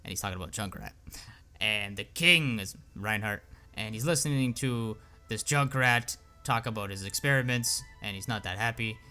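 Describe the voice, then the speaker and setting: A man's voice: on the low side, moderate pace, bright, forceful tone, smooth, soft background music. A young man recapping a comic as a casual story on his channel, rambling with lots of "and then, uh". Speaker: YouTuber.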